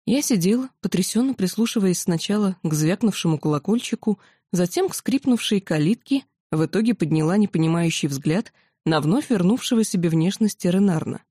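A woman reads a first-person fantasy audiobook in a steady, quietly dramatic voice. Her tone is dark and mellow, and the recording is dry and close with no room sound. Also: mid-range voice, fairly quick, slightly rough, no room sound. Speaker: audiobook narrator.

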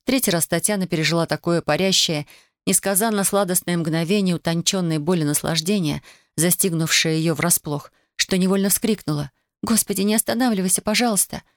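An audiobook narrator reading a novel in an even, measured way. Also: medium pitch, no room sound, studio quality.

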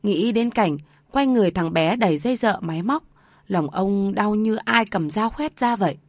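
A woman's voice: medium pitch, expressive, normal speed, no echo. A woman reads a family drama aloud as the narrator, with emotive storytelling.

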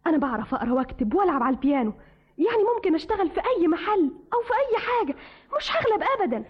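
A woman's voice: very high voice, big pitch swings, very fast. An actress in an old Egyptian radio drama playing a young orphan woman desperate to escape, speaking with anguish in an Egyptian accent. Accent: Egyptian Arabic. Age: young adult. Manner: anguished, tearful outbursts. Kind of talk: 1950s radio drama acting. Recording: dull old radio recording.

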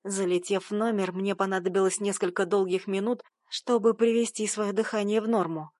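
A young woman reading a first-person story aloud in a lively, sarcastic, conversational way. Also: mid-range voice, brisk, dry recording, clean studio sound. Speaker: audiobook narrator.

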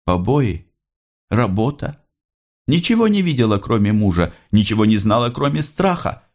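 A man voicing a gentle older mother worn by hardship, speaking in a raised, pleading and emotional tone. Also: very animated, normal speed. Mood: sorrowful. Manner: higher, pleading, emotional delivery.

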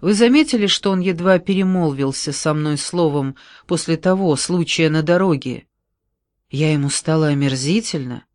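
A man's voice: a little high, moderate pace, darkish tone, no echo, clean studio sound, natural voice. A man reading an audiobook, voicing a desperate, tearful young woman in a raised, pleading voice.

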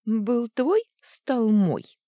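A woman's voice: fairly high pitch, very animated, drawn-out words, dark tone, no echo, studio quality, pitched above the performer's own voice, exaggerated voice. A woman voicing a spiteful, vengeful young female rival who hisses and sneers her lines. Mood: gloating. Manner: hissing, sneering.

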